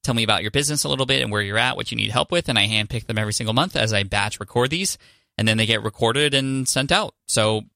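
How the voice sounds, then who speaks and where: A man's voice: medium pitch, quick pace, vocal fry, bright, forceful tone, dry recording, clean studio sound. A man hosting a business podcast, coaching his guest and wrapping up in an upbeat, encouraging, effusive way. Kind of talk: podcast coaching interview and outro.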